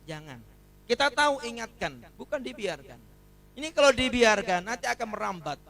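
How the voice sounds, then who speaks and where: A male Islamic preacher giving a sermon at a village celebration. He tells stories and delivers emphatic warnings that swing between loud exhortation and hushed asides. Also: extremely high pitch, sing-song, moderate pace, vocal fry.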